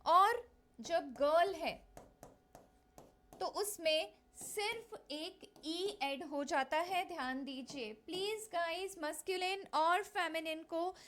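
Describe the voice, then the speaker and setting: A woman's voice: extremely high pitch, very slow, fairly bright tone. A woman teaching an English grammar lesson for exam prep, mixing Hindi and English, explaining step by step and drilling pronunciation by repeating words. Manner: mixes Hindi and English, addresses students directly.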